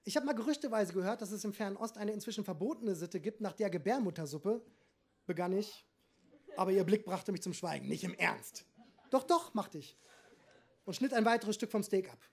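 A man reads his satirical short story aloud, with a husky, breathy voice. His delivery is dry and ironic, in the manner of a storyteller telling a first-person tale. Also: high voice, animated, brisk, a little mellow. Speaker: author reading his own story. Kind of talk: reading satirical fiction aloud.

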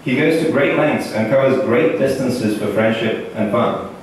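Filmed from far back in the audience, a thirty-something man whose first language is Russian gives a jokey best man toast read from notes. He speaks at medium pitch into a handheld mic, deadpan with pauses for laughter, in an echoing banquet hall with audience noise.

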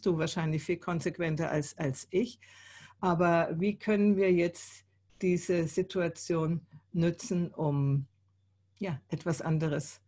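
Sixties woman, show host, relaxed conversational interviewer on a video call. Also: lowish voice. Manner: conversational, thinking aloud with fillers. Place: indoor room.

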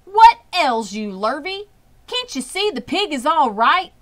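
A woman voicing an excitable, blustering male farmer who hollers in a storybook. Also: high voice, measured pace, pitched above the performer's own voice, full character voice. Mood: exasperated. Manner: hollering, exclamatory.

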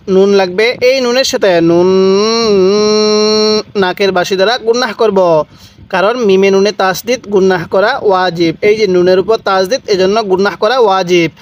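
A man with a Bangladeshi Bengali accent teaching Quran pronunciation, slowly spelling out and repeating each syllable for learners. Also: high-pitched. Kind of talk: slow step-by-step pronunciation lesson.

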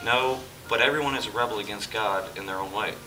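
On a church hall stage indoors, a man acting as Jesus in an amateur play patiently and earnestly explains things to his dinner guest. He speaks fairly quickly in a voice on the low side, close to an everyday voice, picked up by a distant camera with music in the background.

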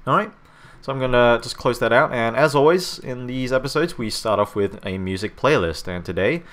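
An Australian man with a stuffy, hay-fever voice narrates a screen-recorded game-art tutorial as he works, rambling, correcting himself often, and frequently saying "okay?" and "um." His mid-range voice has lively intonation and a slightly fast pace, with soft music in the background.

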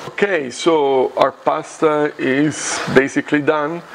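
A man's voice: fairly high pitch, fairly even intonation, slow pace, vocal fry, noisy background. A man in his fifties with an Italian accent, casually hosting a cooking demonstration in short, repeated phrases, recorded in a home kitchen. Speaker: cooking show host.

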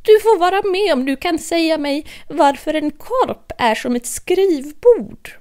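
A woman voicing an eccentric, mad male hatter who speaks in a high, slow, odd voice. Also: expressive, a little mellow. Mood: whimsical.

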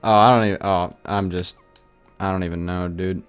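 A young man chatting casually on a gaming livestream, rambling with lots of "like" and ranting in an animated way. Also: low-pitched, normal speed, clean tone, soft background music. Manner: rambling, heavy use of filler "like", animated ranting.

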